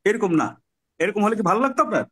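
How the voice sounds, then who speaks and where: A man with a Bangladeshi accent lectures a class in a fairly high, husky voice. He keeps a teacherly manner, asking his students questions and acting out examples as he goes. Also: sing-song, fast, fairly bright tone. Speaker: soft skills trainer.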